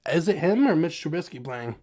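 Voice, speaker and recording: A man's voice: on the high side, very animated, a little fast, darkish tone. A man co-hosting a casual sports podcast, talking in a loose, laid-back way. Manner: casual, says "dude" a lot. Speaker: podcast co-host.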